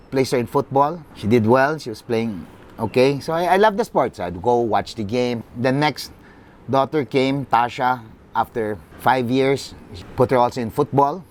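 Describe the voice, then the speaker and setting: A middle-aged man with a Filipino accent, a football club CEO, telling his life story in a halting, earnest way. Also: medium pitch. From Philippines. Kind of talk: personal storytelling.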